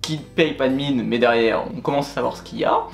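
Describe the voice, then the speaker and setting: Gravelly man narrating a vlog. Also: mid-range voice, brisk. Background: soft plucked guitar music.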